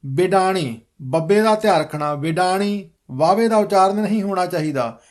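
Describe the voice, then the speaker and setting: A man teaching correct pronunciation of scripture, reciting each line slowly and deliberately. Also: high-pitched, expressive. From Punjab. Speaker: kirtan teacher. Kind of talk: recorded lesson on scripture pronunciation.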